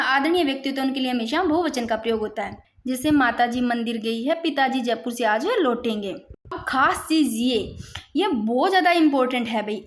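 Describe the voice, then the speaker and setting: Casting: woman, high voice, exam-coaching grammar teacher, patient and repetitive. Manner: explanatory, repeats points, addresses students as "bhai". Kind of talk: exam-prep grammar lesson.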